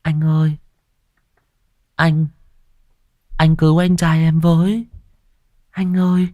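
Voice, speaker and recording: A man voicing the ghost of a five- or six-year-old boy in a ghost story audiobook, pleading in a high, sobbing voice. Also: level tone, takes it slowly, warm tone, in a large hall.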